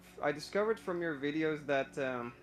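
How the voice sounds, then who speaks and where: Speaking at normal speed in a slightly high voice, a young man from Iraq shares a personal story on a live stream call. He is nervous, confesses stage fright, and stumbles through fillers and restarts.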